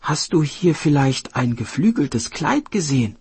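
A man voicing the youngest female fairy in a storybook tale, pleading in a high voice. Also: big pitch swings, measured pace, a little mellow, breathy edge, no room sound, full character voice. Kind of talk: storybook narration.

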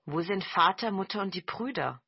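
A woman's voice: mid-range voice, lively intonation, moderate pace, husky, no room sound, muffled recording. A woman voicing a polite, earnest youngest son in a fairy tale.

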